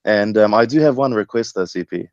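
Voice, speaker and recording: Over a muffled, echoey call-in line, a man from Egypt in his thirties speaks conversationally, offering his personal views and experiences as a caller to the show. He talks fairly quickly, with a fairly low, slightly mellow voice and lively intonation.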